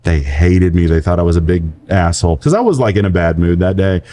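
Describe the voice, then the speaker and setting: Mellow-voiced man in his forties. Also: low-pitched, animated, fairly quick, slight background noise. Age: 40s. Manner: rambling storyteller, laughs often. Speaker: podcast co-host. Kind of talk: casual chat.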